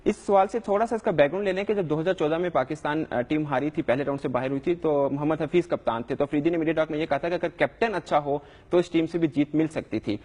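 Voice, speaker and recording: A man's voice: on the high side, hardly any pauses, darkish tone, big-room sound. Earnest young male sports reporter, defensive. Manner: earnest, defensive, with frequent hesitations. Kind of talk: live news interview answers.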